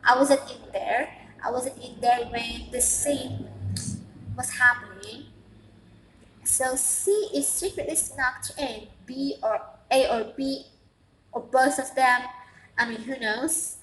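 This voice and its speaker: Female storyteller, non-native English with a thick foreign accent, unhurried casual delivery, echoey room recording. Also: high voice, fairly bright tone. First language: not English. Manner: halting, repeats phrases for emphasis. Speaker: vlogger telling a story. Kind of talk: casual rambling monologue. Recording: echoey room, faint background noise.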